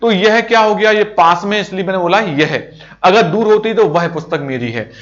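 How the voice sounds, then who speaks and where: A man's voice: high voice, normal speed, a bit bright. A man teaching a grammar lesson, explaining each term step by step with repeated examples. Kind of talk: grammar lesson over slides. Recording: dull lo-fi recording.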